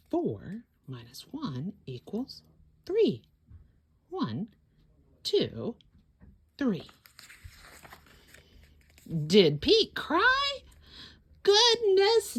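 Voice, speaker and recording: A woman hosts a children's story time, reading a picture book aloud in a theatrical, animated way with exclamations and sung refrains. Her high-pitched voice swings hugely, and she phrases things slowly and deliberately for young children.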